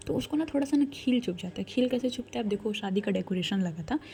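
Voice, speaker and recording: A woman tells a story in a loose, chatty way, speaking directly to her listeners. Her voice is mellow and relaxed. A faint noise sits behind her. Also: mid-range voice, fast, gravelly. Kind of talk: casual spoken storytelling.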